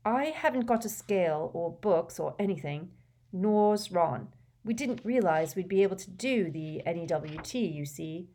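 A woman's voice: lowish voice, expressive, unhurried, dark tone. A woman voicing an earnest teenage schoolboy.

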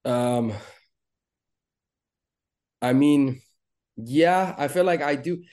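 A man from Lebanon talking as a podcast guest in a relaxed, rambling way with lots of fillers. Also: mid-range voice, very slow. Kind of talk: casual interview chat.

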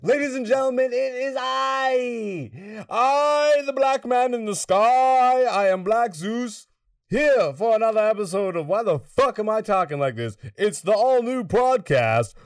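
A booming, pompous sky-god announcer, as a man puts him on proclaims in a high, lifted register. He talks like a theatrical newsreader. The sound is dry, with the mic set a little away. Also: lively intonation, unhurried, no echo, far from the mic. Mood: grandiose.

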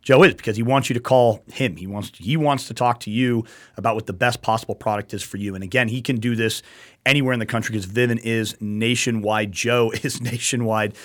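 Low-voiced rambling male talk-show host. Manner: rambling and repetitive, emphatic, with swearing. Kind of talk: casual talk-show chat.

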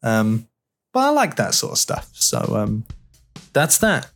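A man's voice: medium pitch, a little slow, soft background music. Chatty male podcast host. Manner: chatty, relaxed, with fillers. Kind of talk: casual chat.

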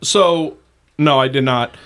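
A man co-hosting a casual podcast, explaining slowly and deliberately with ums. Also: medium pitch. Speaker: podcast co-host. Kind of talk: casual tasting chat.

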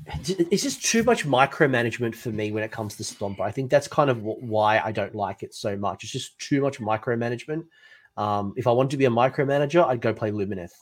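A man's voice: mid-range voice, expressive, fast talker. A man co-hosting a casual gaming chat, rambling with many fillers and restarts, and losing his voice. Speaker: co-host of a tabletop wargame talk show.

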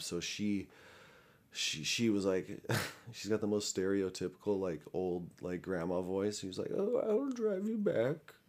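A man's voice: deep voice, darkish tone. A man casually telling a story, rambling with many fillers and restarts and swearing a lot.

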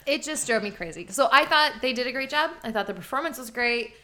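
A woman in her thirties co-hosting a podcast, chatting casually in an opinionated, expressive way. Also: on the high side, fast talker. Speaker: podcast co-host. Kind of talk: casual chat.

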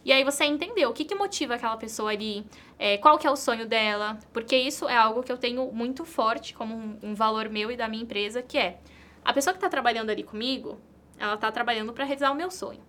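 A Brazilian woman with a fairly high, bright voice, speaking as an entrepreneur in an interview. She talks earnestly and repeats her key points for emphasis. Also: fast talker. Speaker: entrepreneur and content creator. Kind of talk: interview answers.

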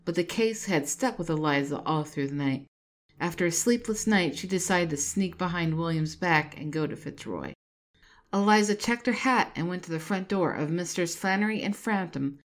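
A woman narrating her own fan fiction story in an even, measured reading. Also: lowish voice.

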